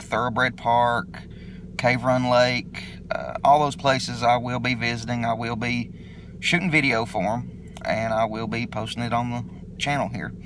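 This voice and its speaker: A middle-aged man from eastern Kentucky with a local accent, talking in a laid-back, halting way as he introduces his vlog in a video recorded on his phone. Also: medium pitch, noisy background. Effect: self-recorded phone video. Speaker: motovlogger introducing his channel. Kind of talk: casual unscripted vlog intro.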